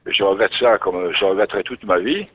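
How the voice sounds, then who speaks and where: A man's voice: on the low side, a little fast. A man telling his story as an interview guest, musing and often restarting his phrases. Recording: tinny narrowband radio recording.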